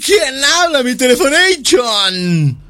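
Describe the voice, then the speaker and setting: A man's voice: extremely high pitch, sing-song, slow, bright, forceful tone. A Mexican man hosting a call-in radio show, joking playfully with callers and laughing often. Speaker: radio host. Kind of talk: casual call-in radio banter. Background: background music.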